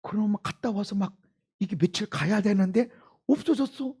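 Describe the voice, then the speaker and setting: A male pastor preaching a sermon who swings from hushed, quiet lines to loud, emphatic ones. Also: high-pitched, normal speed, husky. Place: church sanctuary.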